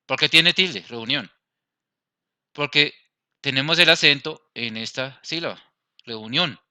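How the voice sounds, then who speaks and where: A Colombian man teaches a grammar lesson, walking through each rule step by step and checking that his class is following. His voice is very bright and smooth. The recording is close and dry. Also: medium pitch, takes it slowly, no room sound. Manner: explains step by step, asks the class "¿listo?". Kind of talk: grammar lesson over slides.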